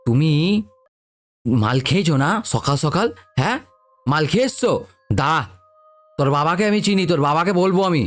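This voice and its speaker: A blunt, scolding shopkeeper uncle, as a male storyteller puts him on. He talks in a low register and barks orders before turning gently instructive. Faint background music runs under this audio ghost story. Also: steady tone, brisk, natural voice.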